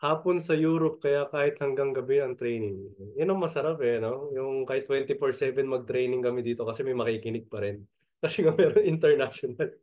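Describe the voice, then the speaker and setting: A man's voice: mid-range voice, brisk. Brief: man, Filipino accent, upbeat business coach, repeats his points, laughs a lot, muffled lo-fi sound. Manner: energetic, laughs often, repeats key points. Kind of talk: motivational training talk.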